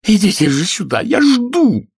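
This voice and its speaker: A man doing a shrill, lustful noblewoman. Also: huge pitch swings, unhurried, gravelly, husky, heavily acted. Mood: shrieking. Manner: shrieking, breathless.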